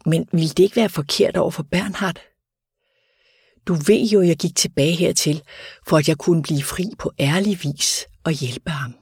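Male reader as dying convict, longing and eager, higher raised delivery. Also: a little mellow, slightly rough, no echo, clean studio sound. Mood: troubled.

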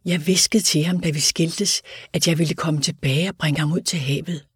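A man's voice: a little high, fairly even intonation, husky, no room sound, clean studio sound. A man voicing a dying male prisoner who pleads eagerly in a raised voice. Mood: troubled.

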